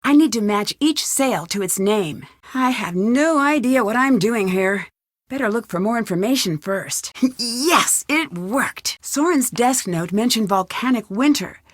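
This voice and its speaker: A plucky, curious young woman detective from a video game thinks aloud to herself as she works, sounding focused. Her fairly high voice is expressive and a little slow, each word clearly enunciated. The recording is close and dry, without echo or room sound.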